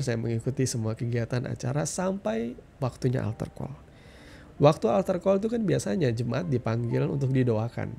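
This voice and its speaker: Middle-aged male preacher, earnest testimony delivery, gravelly and mellow tone, faint music underneath. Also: medium pitch. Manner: earnest, addresses listeners as "saudara". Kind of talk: testimony sermon.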